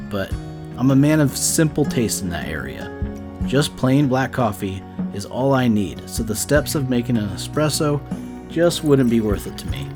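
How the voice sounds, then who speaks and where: A man narrates a camping vlog in a scripted voice-over at a medium male pitch. Plucked guitar music plays clearly behind his voice. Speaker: camping vlogger.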